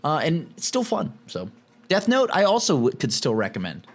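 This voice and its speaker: A man from California co-hosting a podcast in casual chat, animated and laughing often, with many restarts. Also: fairly high pitch, moderate pace. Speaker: podcast co-host.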